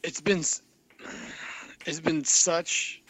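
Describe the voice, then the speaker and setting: A man co-hosting a casual podcast with dry, deadpan humor. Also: fairly high pitch, extremely slow. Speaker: podcast co-host.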